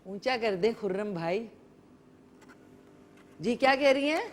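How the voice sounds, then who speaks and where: A woman's voice: fairly high pitch, animated, slight background noise. Chatty woman host, live cooking demo, easygoing and talkative with viewers and callers. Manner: chatty, code-switching with English words, talks to viewers and callers. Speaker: morning show host cooking on air. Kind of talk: casual live cooking demonstration.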